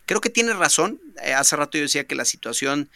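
A man's voice: a little high, animated, brisk, pushed and bright, no echo. A man with a Mexican accent hosting a casual business interview, talking with frequent fillers and restarts. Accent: Mexican Spanish. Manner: talkative, many fillers and restarts. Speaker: podcast host.

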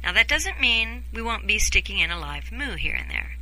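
A woman's voice: medium pitch, very animated, normal speed, sharp tone, a little hiss or hum, poor audio. A woman hosting a podcast in a casual, chatty co-hosted style. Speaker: podcast host.

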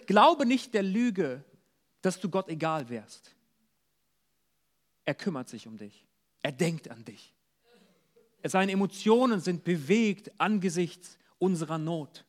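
A man preaching an earnest sermon at a church service, dropping soft and low for words of comfort. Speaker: pastor.

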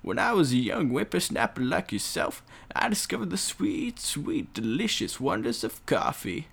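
A man putting on a voice as a nostalgic old man who rambles about the old days in folksy, drawn-out speech. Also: medium pitch, big pitch swings, gravelly, a bit bright, husky, heavily acted.

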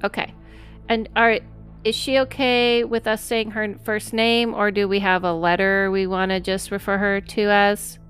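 A woman's voice: mid-range voice, level tone, measured pace, fairly bright tone, soft background music. A woman hosting a podcast, chatting casually with a guest, affirming often and laughing easily. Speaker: podcast host. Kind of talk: casual interview chat.

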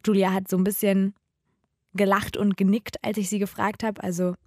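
A woman's voice: medium pitch, flat delivery, moderate pace, no room sound. Chatty woman host, dry close sound. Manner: chatty, enthusiastic. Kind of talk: casual moderated chat. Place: live reading event with audience.

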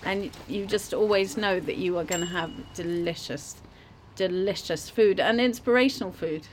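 A woman's voice: on the low side, normal speed, a little hiss or hum. A woman who is a head chef, talking enthusiastically about her kitchen and its food in a casual conversation.

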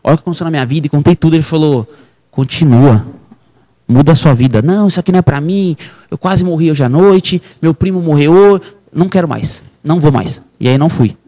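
A man, his voice sitting a little high for a man, tells his life story on a podcast. He speaks with intense, fervent emphasis and keeps turning to his listener as a brother. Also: fast, warm tone. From Brazil. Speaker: real estate broker, podcast guest. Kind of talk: emotional personal storytelling.

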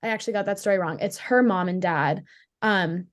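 A young woman from Pittsburgh talks as a guest on a casual podcast. She is bubbly and chatty, with a mid-range pitch, and she scatters "like" through her sentences. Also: fairly quick. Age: young adult. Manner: bubbly, chatty, many "like" fillers. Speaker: college hockey player, guest. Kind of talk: casual interview chat.

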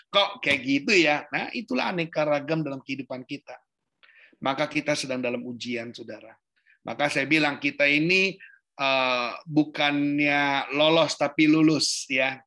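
Chatty preacher man with a bright voice. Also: a little high. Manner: conversational preaching, addresses listeners as Saudara, acts out quotes. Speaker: pastor. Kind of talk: sermon.

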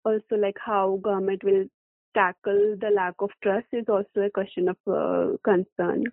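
A woman from Kashmir with a Kashmiri accent, a journalist answering interview questions in a halting, hesitant way with many fillers. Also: mid-range voice, little pitch movement, dry recording. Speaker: freelance journalist being interviewed. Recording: phone-like, thin telephone line.

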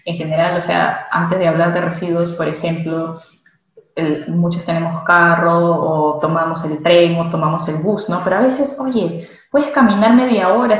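A woman from Peru, a guest speaking thoughtfully in a casual interview, often restarting and adding tag questions. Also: fairly low pitch. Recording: very echoey, dull lo-fi sound.

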